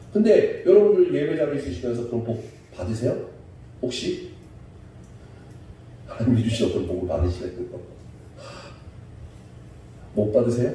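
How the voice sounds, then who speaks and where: Animated male pastor in an echoey church. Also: medium pitch. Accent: Seoul Korean. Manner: lively, conversational preaching with laughs and rising emphasis. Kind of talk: sermon. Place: church sanctuary. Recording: echoey hall, distant mic, faint hiss.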